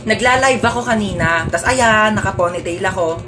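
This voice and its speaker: A woman performing comedy sketches, switching quickly between everyday characters and often breaking into loud exclamations. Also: medium pitch. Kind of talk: comedic skits playing several everyday characters. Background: music.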